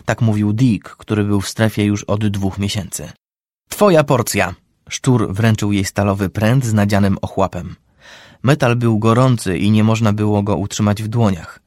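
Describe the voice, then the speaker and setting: A man reading a story aloud in a measured, even storytelling manner, giving the characters light voices. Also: fairly low pitch, no room sound, studio quality. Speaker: narrator. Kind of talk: audiobook-style story reading.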